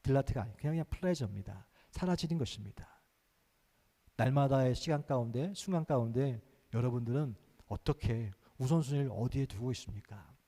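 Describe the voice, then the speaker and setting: Fast-talking preaching pastor, man. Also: medium pitch, animated, long reverb tail. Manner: earnest preaching, acts out prayers and Jesus speaking; rises to fervent loud prayer. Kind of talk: sermon. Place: church sanctuary.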